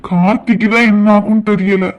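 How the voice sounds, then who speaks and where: A performer playing a young male friend in a cartoon who calmly reassures the others. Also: medium pitch, fairly quick, muffled recording, slight background noise, natural voice. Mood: reassuring.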